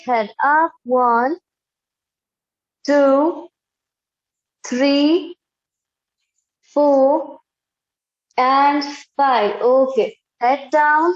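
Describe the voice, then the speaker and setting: A young Indian-accented woman in her twenties, with a voice that sits high, teaches a live online yoga class from a bare indoor room. She gives measured short commands and counts slowly, and the video-call audio sounds roomy and dull.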